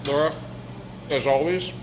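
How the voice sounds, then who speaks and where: A man's voice: on the high side, fairly even intonation, a little slow, background noise. A man hosting a cooking segment in a kitchen, upbeat and enthusiastic, speaking straight to viewers. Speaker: host. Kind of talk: casual interview-style cooking segment.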